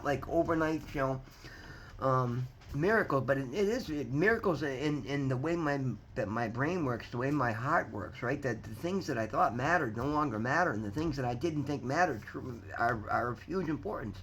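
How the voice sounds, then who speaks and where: A man in his fifties speaks earnestly to his viewers in a casual, heartfelt motivational talk. His voice sits at a middle pitch, and he often trips over and repeats words before pressing on, with faint background noise in the recording. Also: lively intonation, brisk, fairly bright tone, poor audio. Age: 50s. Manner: earnest, rambling, repeats words and restarts, often says "guys". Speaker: vlogger sharing recovery story.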